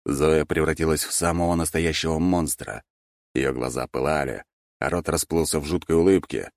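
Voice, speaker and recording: A man's voice: extremely low pitch, fairly even intonation, moderate pace, dry recording, clean studio sound. A man narrating a story expressively as an audiobook reader. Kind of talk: scripted narration.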